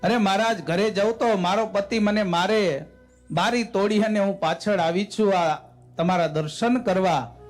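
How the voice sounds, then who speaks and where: A man's voice: high voice, normal speed, faint music behind, lightly acted. A man voicing a distressed village woman devotee who pleads tearfully, in a devotional story. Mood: pleading.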